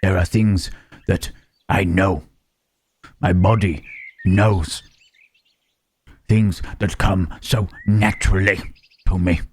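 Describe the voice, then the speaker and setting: A man voicing a gentle, melancholy monster in an ASMR roleplay, speaking haltingly and pensively in formal phrases with questioning hums. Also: a little hiss or hum. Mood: wistful, longing. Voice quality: low, husky. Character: gentle, melancholy Frankenstein's monster, male, pondering his soul.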